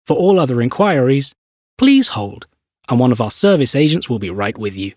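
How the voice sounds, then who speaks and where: A man voicing a polite automated phone menu greeter, with measured, courteous, itemised announcing of a scripted business greeting. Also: medium pitch, sing-song, darkish tone, dry recording, clean studio sound. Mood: polite, businesslike.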